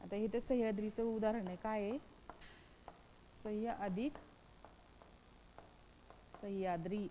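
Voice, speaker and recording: Woman teacher, fairly high and mellow voice, repeats points and answers her own questions, long reverb. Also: slight background noise. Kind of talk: grammar lesson.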